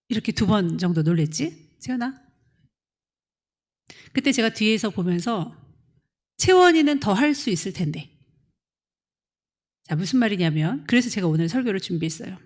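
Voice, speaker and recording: A middle-aged woman pastor preaching to young adults, acting out quotes and calling on listeners by name. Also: mid-range voice. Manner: animated, acts out quotes, questions listeners by name. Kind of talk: lively sermon to a young adult congregation.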